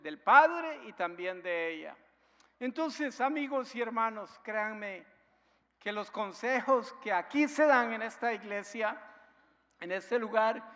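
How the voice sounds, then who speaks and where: A man preaching a sermon as pastor, emphatic, with rhetorical questions to the congregation and loudness that rises and drops. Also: extremely high pitch, big-room sound. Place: church sanctuary.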